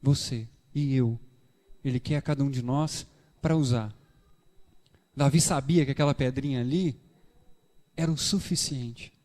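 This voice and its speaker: A man preaching a sermon with a Brazilian Portuguese accent, animated, acting out dialogues in shifting voices. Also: mid-range voice, measured pace, long pauses. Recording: reverberant church hall.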